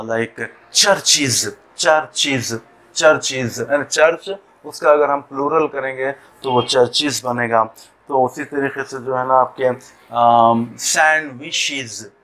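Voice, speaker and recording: A man teaching an English pronunciation lesson, slowly repeating and stretching example words as he explains them. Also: medium pitch, fairly bright tone.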